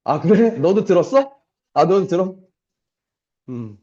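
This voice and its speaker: A young man teaches math in a classroom in a blunt, profane, chatty way, often stopping to ask if students are following. His voice sits a little high and moves up and down a lot, with a mellow, dark tone. The recording is roomy and dull, like a lo-fi classroom capture. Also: very animated, a little slow. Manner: blunt, swears casually, constantly checks understanding. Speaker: math tutor. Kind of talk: casual classroom lecture.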